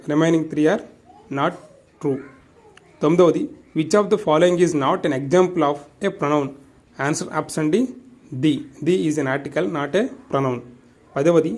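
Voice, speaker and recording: A man with a Telugu accent gives an exam revision lesson in a fairly high voice. He talks at an unhurried, measured pace, reading quiz questions and answers and explaining each one. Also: darkish tone. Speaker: teacher.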